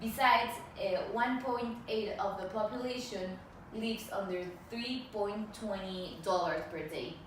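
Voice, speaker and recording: A woman's voice: medium pitch, a little slow, a little hiss or hum. Young woman student presenting, lots of restarts, sounds far from the mic in a really echoey room. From Colombia and Mexico. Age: 20s. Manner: hesitant, many restarts and fillers. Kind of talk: class presentation.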